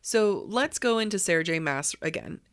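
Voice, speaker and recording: A woman's voice: medium pitch, animated, normal speed, clean tone, no echo. A woman co-hosting a casual book chat, talking in a blunt, opinionated, sweary way. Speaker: co-host of a book discussion show.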